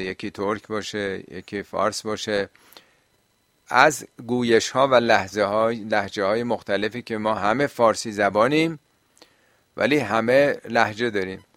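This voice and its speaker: A man's voice: on the low side, a bit bright, no echo. A man teaching and answering listeners' questions on religion, explaining at length and often asking rhetorical questions.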